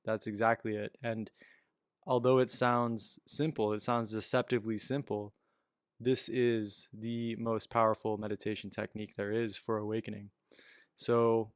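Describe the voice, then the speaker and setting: A man's voice: lowish voice, little pitch movement, moderate pace, clean tone, no room sound, studio quality. A man giving a casual, reflective spiritual talk as a meditation teacher, filling his sentences with "you know" and "um.".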